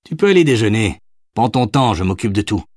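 A man's voice: on the low side, sing-song, brisk, a little mellow, no room sound, studio quality. A man voicing a tipsy, teasing young Parisian woman in an audiobook, speaking in a playful, mock-formal way. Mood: sharp.

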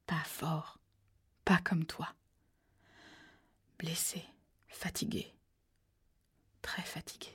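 A woman's voice: deep voice, level tone, drawn-out words, long pauses, breathy edge, heavily acted. A woman voicing a dying wounded man who speaks in faint, broken whispered fragments, read as an audiobook. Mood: faint, fading. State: weak, fading. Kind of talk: audiobook reading.

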